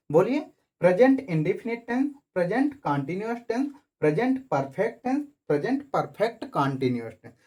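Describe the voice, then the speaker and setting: A woman teaching an English grammar lesson to children, asking questions and answering them herself with slow, repetitive drilling. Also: mid-range voice, a little mellow.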